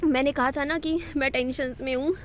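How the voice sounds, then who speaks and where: A young woman with a high, light voice pours out her troubles to the camera in a personal vlog. She sounds tearful and distressed but keeps confiding. It was recorded outdoors in a park, with faint outdoor ambience behind her. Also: steady tone, a little fast, slight background noise. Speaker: vlogger.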